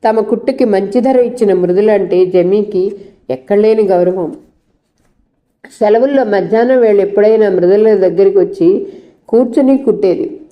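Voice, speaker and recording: Woman reading a novel out loud, steady and measured, voices the dialogue lightly. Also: medium pitch, muffled recording. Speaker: storyteller reading a novel aloud. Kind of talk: novel read aloud, voicing all characters.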